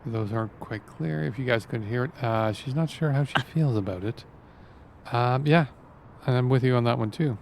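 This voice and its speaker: A man with a Canadian accent, French his first language, hosts a game stream in a loose, rambling way. His pitch sits in an ordinary middle register, and faint noise hums under his voice. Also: moderate pace, creaky, a little mellow. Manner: rambling, explains at length to the viewers. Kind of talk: casual live-stream commentary.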